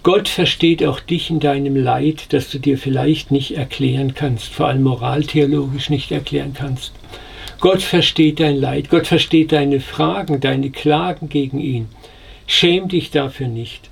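Gravelly-voiced man giving a consoling sermon. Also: mid-range voice, steady tone, measured pace. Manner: earnest and consoling, addresses the listener directly. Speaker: preacher. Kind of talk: devotional sermon.

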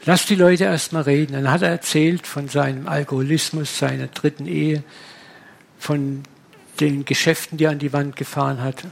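A man preaching, telling a personal testimony in a lively storytelling manner. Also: fairly high pitch, moderate pace, creaky. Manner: animated storytelling, acting out dialogue.

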